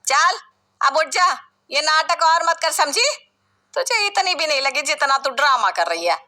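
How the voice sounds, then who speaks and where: A harsh middle-aged mother-in-law, voiced by a woman in a family story. She scolds in a sharp, commanding way, her voice high and bright. Scorn runs through every line. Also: lively intonation, moderate pace. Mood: scolding.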